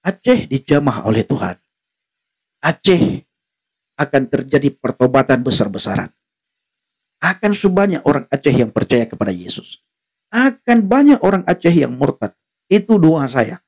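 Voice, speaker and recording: A man's voice: medium pitch, very animated, normal speed, gravelly, pauses often, darkish tone, breathy edge. A man preaching defiantly on a live stream, repeating himself and laughing now and then.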